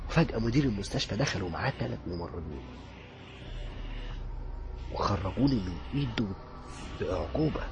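A man with an Egyptian accent narrating a horror story in a dramatic way, dropping to a hush at tense moments. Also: lowish voice, a little hiss or hum. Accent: Egyptian Arabic.

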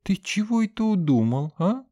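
A male reader voicing a bossy, quick-tempered young female student who scolds in a shrill, exasperated way. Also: sing-song, darkish tone, highs cut off. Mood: scolding.

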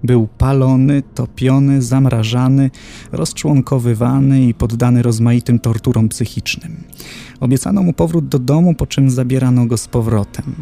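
A man voicing a cold, authoritative dignitary of hell who reports torments in a measured, clinical way. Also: mid-range voice, creaky, warm tone, lightly acted. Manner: measured, clinical and matter-of-fact.

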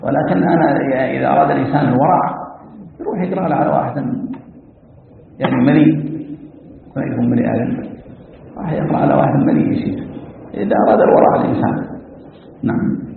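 A man teaching a Quranic recitation lesson, giving animated, emphatic commentary with asides. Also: mid-range voice, fast, vocal fry, long pauses, slight background noise. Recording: tinny phone-like audio, echoey hall.

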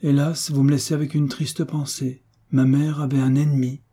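Naive young heiress, earnest and plaintive; a man reads her in a dark, husky voice. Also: medium pitch, flat delivery, moderate pace, voice pushed up. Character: innocent, trusting young noblewoman.

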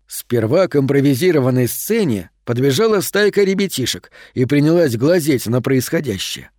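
Calm male storybook narrator. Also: mid-range voice, dry recording, clean studio sound. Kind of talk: audiobook storytelling.

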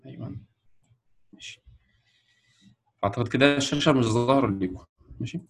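A man with an Egyptian Arabic accent announces the winners of a Quran memorization course on a video call, speaking slowly and hesitantly, with many fillers and restarts. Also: medium pitch. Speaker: ceremony host announcing winners. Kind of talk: ceremony announcement. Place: online video call presenting a screen.

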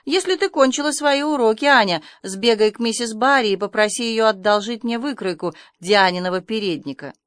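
A woman's voice: on the high side, brisk, few pauses, no room sound, lightly acted. A woman reading the part of a stern older spinster guardian who talks in a curt, ironic, scolding way. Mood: brisk.

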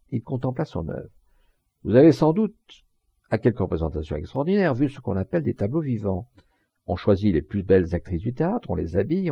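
A man narrating a literary audiobook in a measured, expressive reading with varied emphasis. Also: medium pitch, vocal fry, husky, dry recording, muffled recording.

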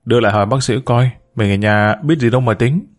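A man's voice: medium pitch, quick pace, lightly acted. A man reading the lines of an earnest young boy, the eldest sibling, in a storybook tale, blunt and impulsive. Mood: urgent.

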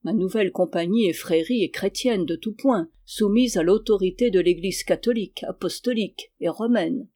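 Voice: mid-range voice, moderate pace, few pauses, warm tone, lightly acted. A reader voicing a scheming medieval French king in an audiobook, protesting and wheedling, then turning curt. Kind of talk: audiobook character reading.

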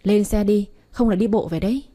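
A woman's voice: medium pitch, brisk, dark tone, lightly acted. A woman voicing a young master who speaks in cold, clipped commands and teases. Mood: curt. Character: curt, teasing young master, male.

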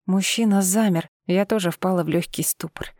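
A woman reading a first-person audiobook in a steady, expressive voice. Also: on the low side, normal speed, dry recording, clean studio sound. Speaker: audiobook narrator.

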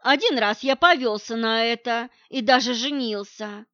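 A woman's voice: a little high, measured pace, fairly bright tone, dry recording. A woman reading an audiobook, voicing a man who scornfully and coldly rejects his partner in a harsh, cutting way. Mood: cold contempt. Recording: dull lo-fi recording.

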